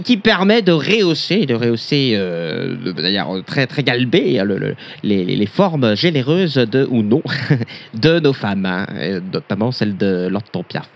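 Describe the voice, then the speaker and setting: A man on a comic radio parody reads a mock news item with exaggerated seriousness. He hesitates often and fills the gaps with "euh". His voice sits in a medium range. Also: medium pitch. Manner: mock-solemn reading, hesitant, with filler sounds. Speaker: co-host reading a mock news segment.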